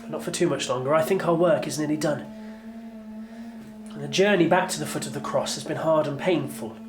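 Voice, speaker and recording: A man's voice: fairly high pitch, fairly quick, close to an everyday voice. A man as an earnest, reflective old apostle narrating. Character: older male apostle recalling his past. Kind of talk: dramatic narration.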